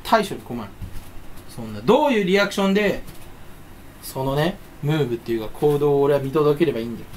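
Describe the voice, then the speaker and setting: Animated stuffy-nosed man rambling playfully. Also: a little high, fast talker, slight background noise. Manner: playful, rambling, breaks into silly voices. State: stuffy nose. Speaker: YouTuber. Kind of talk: casual solo chat.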